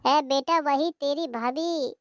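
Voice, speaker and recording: A woman's voice: high-pitched, takes it slowly, no room sound. A woman voicing a grumbling elderly mother-in-law in a cartoon, lamenting and self-pitying, in a dry recording. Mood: complaining. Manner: whiny lamenting, sighing complaints. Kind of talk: cartoon voice acting.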